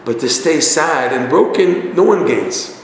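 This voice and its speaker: A man's voice: on the high side, lively intonation, a little slow. A man teaching a religious lesson through a story, conversational with frequent restarts. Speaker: Torah teacher. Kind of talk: storytelling sermon. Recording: echoey hall, faint noise.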